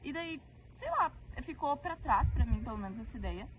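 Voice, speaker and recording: A woman's voice: high voice, expressive, moderate pace. Chatty teenage girl from southern Brazil, noisy room. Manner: chatty, laughing, storytelling with fillers. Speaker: podcast co-host. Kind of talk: casual chat. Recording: background noise.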